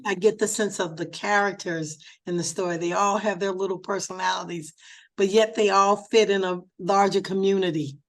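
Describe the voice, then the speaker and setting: A woman's voice: medium pitch, fairly even intonation, normal speed, rough recording. A woman in her sixties from Chicago, hosting an interview with enthusiastic, affirming comments. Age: 60s. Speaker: interview host. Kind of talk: casual interview chat.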